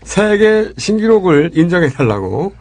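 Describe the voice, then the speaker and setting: A man's voice: sits high, big pitch swings, normal speed, darkish tone, no room sound. A man hosting a political comedy podcast, talking in a casual, joking and teasing way. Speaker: podcast host.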